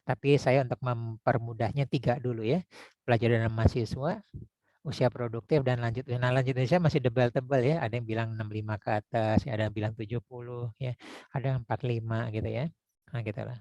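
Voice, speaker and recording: A man teaching public speaking in a casual lecture, talking conversationally with frequent tag words and demonstrating deep and high vocal tones. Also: steady tone, a little fast, darkish tone, dry recording. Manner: conversational, frequent "ya" and "gitu ya" tags.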